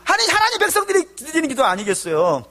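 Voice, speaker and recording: A male pastor preaching a sermon, asking the congregation rhetorical questions and acting out tearful prayers, swinging between loud pleading and hushed low tones. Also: huge pitch swings, quick pace. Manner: acts out tearful prayers in his own voice.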